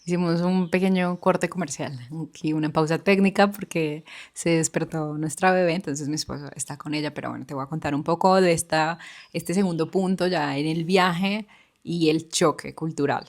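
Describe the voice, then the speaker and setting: A woman's voice: deep voice, fairly even intonation, moderate pace. A woman co-hosting a podcast, earnestly telling her own experience and speaking directly to the listener. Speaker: podcast co-host. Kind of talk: personal storytelling chat.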